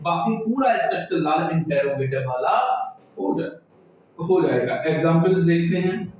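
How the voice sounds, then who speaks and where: High-voiced male teacher in an echoey room. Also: expressive, a little mellow, slight background noise. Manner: slow explaining, quizzes students and answers himself. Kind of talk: classroom grammar lesson. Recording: echoey room, far from the mic, dull lo-fi sound.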